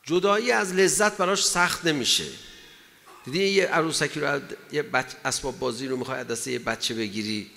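Gravelly-voiced man preaching in a hall. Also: a little high, sharp tone. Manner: emphatic, asks the audience rhetorical questions. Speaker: religious lecturer. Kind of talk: sermon. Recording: long hall reverb.

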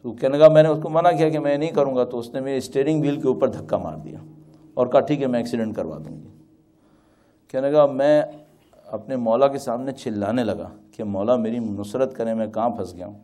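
Male cleric, storytelling sermon voice, mid pitch, relaxed and warm. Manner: storytelling, rhetorical questions, acts out quoted dialogue. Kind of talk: religious talk with anecdotes.

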